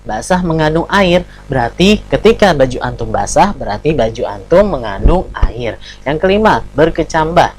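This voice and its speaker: A man's voice: a little high, normal speed, breathy edge, poor audio. A man teaching a recorded lesson to young pupils, talking to them directly and acting out examples. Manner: animated, addresses pupils directly, acts out examples. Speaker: primary school teacher. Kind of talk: recorded online lesson for children.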